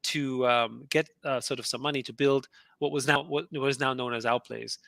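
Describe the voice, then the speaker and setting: Interviewed as a guest entrepreneur, this middle-aged Austrian man, whose first language is German, recounts his story in a relaxed, talkative way, full of laughter, fillers and restarts. He speaks at normal speed in a steady, mid-range voice with vocal fry and a bit of brightness, on a dry recording.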